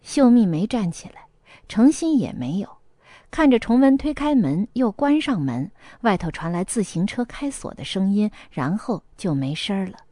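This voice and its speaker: A woman narrating a novel as a scripted audiobook, with lively storytelling and a light erhua. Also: mid-range voice, normal speed, dry recording.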